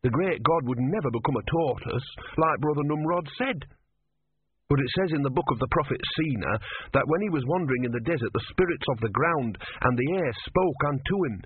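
A man's voice: mid-range voice, lively intonation, fairly quick, a little hiss or hum, voice pushed up, natural voice. A man playing an earnest young novice monk. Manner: earnest, anxious, sincere. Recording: tinny phone-like audio.

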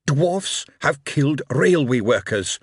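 Brief: male narrator as a booming dwarf king, raised pitch, loud, indignant, animated. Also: measured pace, no room sound, clean studio sound. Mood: furious. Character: furious male dwarf king, commanding and righteous.

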